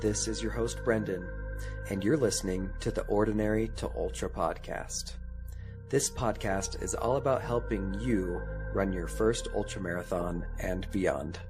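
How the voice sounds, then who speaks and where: A man's voice: lowish voice, unhurried, over music. A male podcast host who reads an ad with enthusiasm and chats with a guest in a casual, upbeat way. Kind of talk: podcast interview and ad read.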